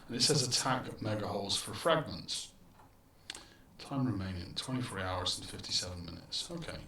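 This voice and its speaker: A man's voice: lowish voice, moderate pace, sharp tone, distant mic. A man streaming a game live, chatty and thinking aloud, heard through a webcam mic that makes him sound as if he is in an echoing tunnel. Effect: echoing, tunnel-like sound from a built-in webcam mic. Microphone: built-in webcam microphone. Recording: echoey, tunnel-like room sound with faint ambient noise.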